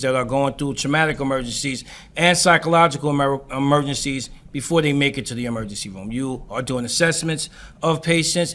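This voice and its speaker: A man's voice: on the high side, a bit bright. A man, an EMS chief, earnestly explaining what an emergency medical technician does. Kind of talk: explaining the job on a podcast.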